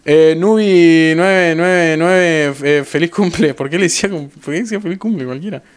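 A young man with an Argentine accent streaming a game, talking excitedly to his viewers and repeating phrases over and over. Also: a little high, moderate pace, clean tone. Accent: Argentine Rioplatense Spanish. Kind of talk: live gameplay commentary.

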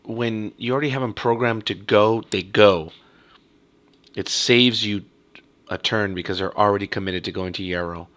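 Male game commentator with a low-ish voice, talks to himself while playing, a little hoarse from a cough. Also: fairly even intonation, moderate pace, fairly bright tone. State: slightly hoarse, has a cough. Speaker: gaming video host. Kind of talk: casual let's-play commentary.

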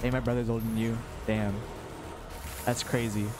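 With game music playing beneath him, a young male streamer of about twenty chats with his audience, reads their messages out, and curses or yelps at surprise enemies. He speaks in a mid-range voice at a moderate pace, with little pitch movement.

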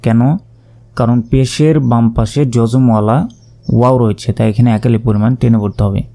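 A man teaching Quran reading, spelling each word out letter by letter and then chanting it slowly and drawn out. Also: medium pitch, steady tone, warm tone. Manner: slow drawn-out chanted recitation between spoken explanations. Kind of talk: spelling out recitation step by step.

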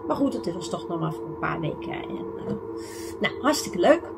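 A young woman vlogger telling her own true ghost stories in a chatty way, full of fillers, sometimes dropping to a whisper and sometimes rising to excited shouts. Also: lowish voice, normal speed, vocal fry. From Netherlands. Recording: music playing underneath.

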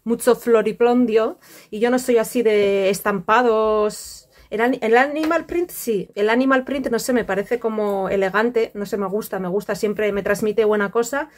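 A woman's voice: on the high side, steady tone, moderate pace. A middle-aged woman from the Country, chatting casually to camera outdoors by a pool, affectionate and full of fillers. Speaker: vlogger.

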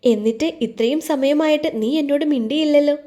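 A woman voicing a tearful, guilt-ridden young woman pleading softly with a friend, in an audio storybook. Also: sits high, fairly quick, voice pushed up, natural voice. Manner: pleading, soft.

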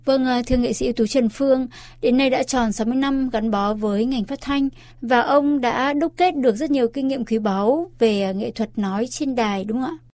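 A woman with a fairly high, softly mellow voice works as a state radio interviewer in Vietnam. She phrases her questions formally and politely, in a measured Vietnamese state radio manner.

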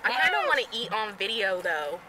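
A young woman rambling excitedly in a casual vlog, talking to her handheld camera. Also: mid-range voice, a little fast, noisy background. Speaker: vlogger. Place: bedroom, then a parked car.

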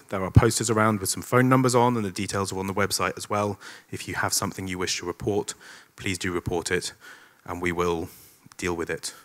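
A man's voice: fairly low pitch, fairly bright tone. A man giving the opening words and housekeeping announcements at a conference, upbeat and lightly joking, speaking into a stage microphone in a large hall.

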